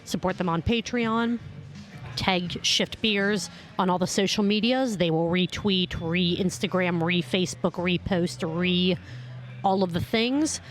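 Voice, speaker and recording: A young woman co-hosting a laid-back beer podcast with a slightly low voice. She sounds bubbly and teasing, and she rattles off plugs and links at a fast clip. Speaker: podcast co-host. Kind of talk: casual chat over beers. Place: home room, drinking beer.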